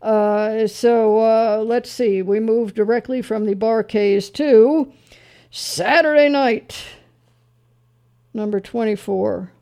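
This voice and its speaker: A man's voice: sits high, fairly even intonation, slow pace, dark tone, clean tone. A man hosting a call-in radio show, chatting casually with a caller about old songs, joking and rambling with dry asides. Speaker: radio host.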